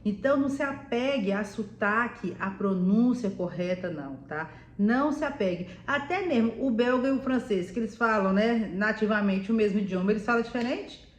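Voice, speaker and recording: Woman vlogger, mid pitch, talkative advice-giver, roomy sound. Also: normal speed. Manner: chatty, addresses viewer as "meu amor", many "né?" tags. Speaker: vlogger living abroad. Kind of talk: casual advice vlog. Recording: echoey room.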